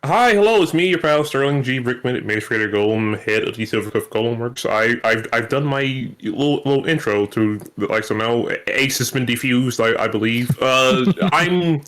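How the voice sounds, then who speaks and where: A man in casual chat during a tabletop game, goofy and excitable. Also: medium pitch, normal speed, hardly any pauses. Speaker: player.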